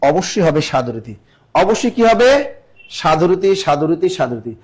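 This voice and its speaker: A high-voiced man runs a live online exam-prep class. He quizzes his students, repeats each question and presses them to answer fast. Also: big pitch swings, slightly rough. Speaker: teacher.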